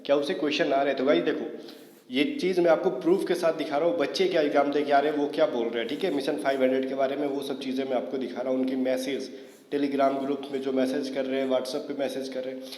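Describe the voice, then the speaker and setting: A man's voice: medium pitch, steady tone, fast talker, darkish tone. Hindi-speaking man in an echoey room. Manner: talks straight to viewers, many fillers like "theek hai". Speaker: online exam coaching teacher. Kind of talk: casual Hindi video lesson. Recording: echoey room with long reverb.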